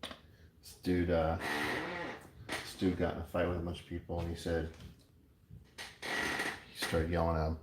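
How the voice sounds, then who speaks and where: A man casually narrating his coin ring making as he works, chatty and relaxed, with playful sound words. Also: sits low, a little slow, pauses often. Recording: echoey room with clear background noise.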